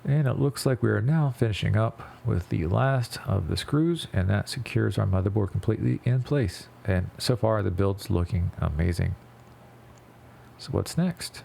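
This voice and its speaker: Low, creaky man with a stuffed-up nose. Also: a little mellow, a little hiss or hum. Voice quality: stuffy blocked nose, as if packed with gauze. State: congested after nose surgery, can't breathe through nose. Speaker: video creator narrating a PC build. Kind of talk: casual tutorial voice-over.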